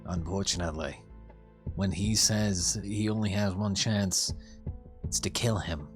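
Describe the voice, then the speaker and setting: A man with a lowish voice streams his casual reaction to an anime. He works through his thoughts out loud, halting and circling back over phrases, with some offhand swearing. Soft music plays behind him. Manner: hesitant, thinks aloud, repeats phrases.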